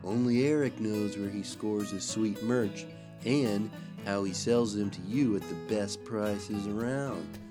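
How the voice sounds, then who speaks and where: A man playing a laid-back, slangy male pitchman reading an ad. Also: lightly acted. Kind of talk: radio-style ad read. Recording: ad read over guitar music. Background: guitar music.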